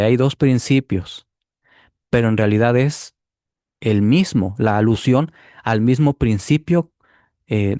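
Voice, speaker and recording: A man giving a deliberate Bible commentary, explaining step by step and checking in with the listener. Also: on the low side, dark tone, no echo, studio quality. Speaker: Bible teacher rebutting a clip. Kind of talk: apologetics commentary.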